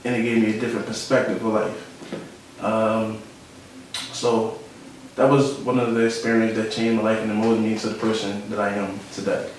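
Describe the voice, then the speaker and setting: Echoey Philadelphia man, low voice. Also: flat delivery, normal speed, a little hiss or hum. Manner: reflective, repeats phrases, slangy. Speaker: interviewee, photographer. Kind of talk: casual interview. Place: studio room. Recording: echoey room, mic at a distance.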